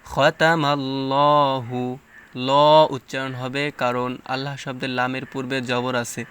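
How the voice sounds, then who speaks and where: A man's voice: medium pitch, completely flat delivery, pushed and bright, clear, resonant tone. A man teaching Quran recitation rules, explaining each rule plainly and asking and answering his own questions. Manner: explains rules plainly, then recites verses slowly and drawn out. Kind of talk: tajweed lesson, explaining and reciting.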